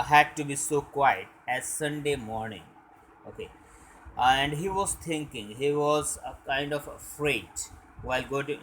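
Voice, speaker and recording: A young male teacher reads a story passage aloud, then explains it in his own words. He talks very slowly in a fairly high voice, stopping often with "uh" and "okay". A faint noise sits under his voice. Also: fairly bright tone, rough recording. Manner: halting explanations full of "uh" and "okay".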